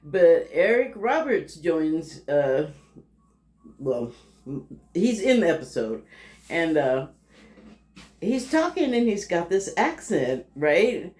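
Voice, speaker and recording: A woman's voice: fairly low pitch, big pitch swings, takes it slowly, long pauses, darkish tone. A woman giving a casual, rambling TV review monologue, laughing often and trailing off into fillers. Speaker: TV critic. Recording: roomy echo.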